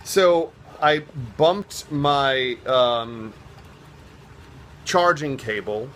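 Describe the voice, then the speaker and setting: A man's voice: medium pitch, expressive, drawn-out words, a bit bright, a little hiss or hum. A man chatting casually to his vlog viewers, rambling and self-mocking as he jokes along. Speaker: vlogger, drag performer. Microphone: phone on a stand.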